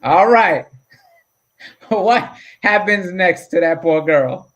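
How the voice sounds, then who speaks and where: A man's voice: sits high, expressive, slow, fairly bright tone. A man hosting a casual comedy talk, upbeat, quizzing his guests. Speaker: host. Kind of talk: casual chat.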